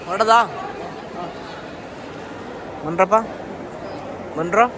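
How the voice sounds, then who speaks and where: A young man vlogging casually outdoors, teasing his friends in quick banter. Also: high-pitched. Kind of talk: casual travel vlog chat. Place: outdoors at a busy temple area and parking lot. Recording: busy crowd and street noise.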